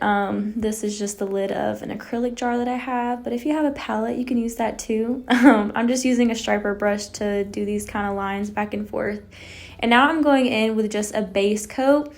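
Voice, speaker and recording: Young woman chatting thru a nail tutorial, lots of likes and ums, easygoing. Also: medium pitch. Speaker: nail technician. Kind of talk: casual tutorial voice-over.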